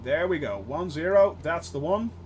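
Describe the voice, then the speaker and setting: A man's voice: on the high side, animated, normal speed, slight background noise. A man streaming a flight simulator, talking like a pilot over a cockpit headset, chatty and rambling with fillers while he addresses his viewers. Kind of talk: casual live-stream commentary.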